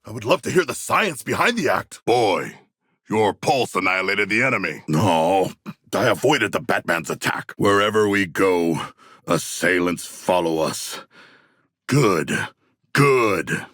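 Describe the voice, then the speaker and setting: A man voicing King Shark, a hulking, proud, literal-minded shark-man in a video game, with a deep gravelly voice and stilted, grandiose formal diction. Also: expressive, unhurried, a bit bright, dry recording, studio quality. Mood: excited, then calm, formal. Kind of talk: video game character voice lines.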